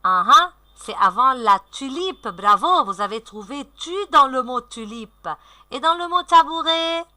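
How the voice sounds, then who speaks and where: A woman teacher gives a recorded reading lesson to young children, sounding out syllables slowly and clearly in a sing-song way. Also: high voice, animated, sharp tone. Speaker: primary school teacher.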